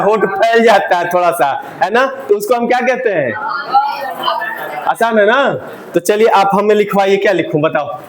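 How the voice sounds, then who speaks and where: A male teacher giving a Hindi grammar lesson, asking the class questions and having them repeat the answers. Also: high-pitched. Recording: roomy classroom echo.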